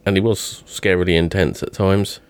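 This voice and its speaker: A man's voice: sits low, fairly even intonation, moderate pace. A man taking part in a casual film chat.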